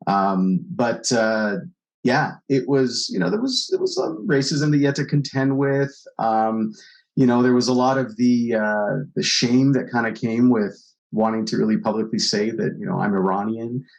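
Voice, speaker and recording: A Canadian man in his forties, appearing as a podcast guest, tells stories in a loose, wandering way packed with fillers. His voice is medium-pitched and moves at a normal speed, though the recording quality is poor. It's casual conversation throughout.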